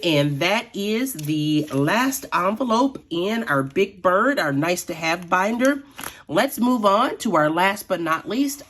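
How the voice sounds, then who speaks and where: A middle-aged woman with a raspy voice, chatting casually as she counts cash out loud. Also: fairly low pitch. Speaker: budgeting vlogger. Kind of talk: casual vlog narration.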